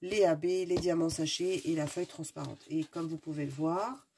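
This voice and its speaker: Woman host, low-pitched, stuffy and sniffly, chatty and eager, hunting for words; faint background noise. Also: steady tone, moderate pace, warm tone. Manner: chatty, enthusiastic, searching for words with many fillers. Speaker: craft video host. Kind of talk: casual unboxing chat.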